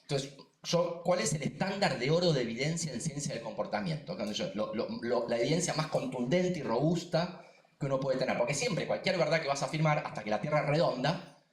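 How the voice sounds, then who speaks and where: A man's voice: medium pitch, roomy sound. A man with a Rioplatense Spanish accent, a neuroscientist and science communicator giving an emphatic seminar talk full of asides and repetitions. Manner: emphatic, animated, quick, with many asides and repetitions. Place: lecture room.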